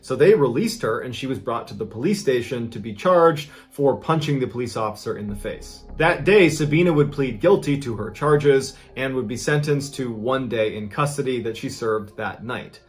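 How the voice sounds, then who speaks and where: A man's voice: mid-range voice, animated, moderate pace, hardly any pauses. A man narrating a strange true story in a casual, conversational way, building suspense with sudden emphatic lifts. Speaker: storyteller host.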